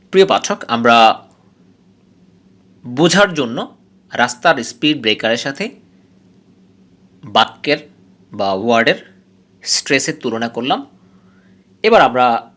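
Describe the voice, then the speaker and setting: A man with a Bangladeshi accent teaches an English phonetics lesson at a slow, explanatory pace. His voice is bright and clear, and he drills example words over and over, leaning hard on the stressed syllable. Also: mid-range voice.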